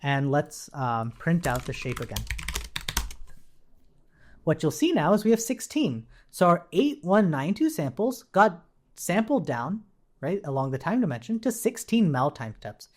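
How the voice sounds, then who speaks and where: A man with a fairly high, sing-song voice talks a little slowly and with some mellowness. He's a programming tutorial instructor walking through code informally, explaining and thinking aloud as he goes. Keyboard typing and clicks sound over faint background noise.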